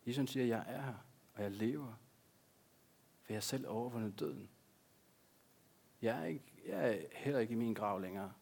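A man's voice: medium pitch, creaky, pauses often, darkish tone, husky. A man, a pastor, preaching a sermon in an earnest way, repeating key words for emphasis.

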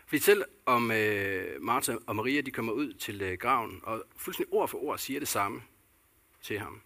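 A man's voice: fairly low pitch, expressive, creaky, pushed and bright. A man delivering a sermon as a pastor, earnest and repetitive, posing questions to the congregation.

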